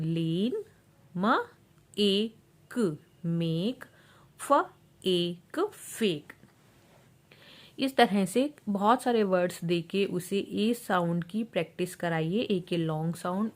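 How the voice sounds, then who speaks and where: A woman teaching a phonics lesson, carefully sounding out letters one by one. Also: on the low side. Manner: slow, deliberate sounding-out of letters.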